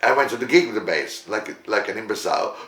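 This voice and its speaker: An older man from Italy recounts his musical past in an interview. His deep, low voice wanders from one memory to the next, full of pauses and fillers. The sound carries the echo of a roomy space. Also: animated, fairly bright tone, soft background music. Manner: rambling, halting storyteller with many fillers. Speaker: musician guest. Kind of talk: interview storytelling.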